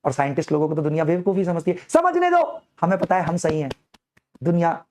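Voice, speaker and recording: A lively male teacher with a somewhat high voice, giving an online chemistry class. He talks to the student in a teasing, playful way and answers his own questions in bursts. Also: quick pace, a little hiss or hum. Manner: animated, playful, addresses student as "beta", plays both sides.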